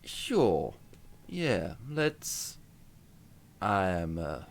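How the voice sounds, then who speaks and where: Man, deep voice, slow, hesitant casual game chat, slight background noise. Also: lively intonation, creaky. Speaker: player in a tabletop role-playing game.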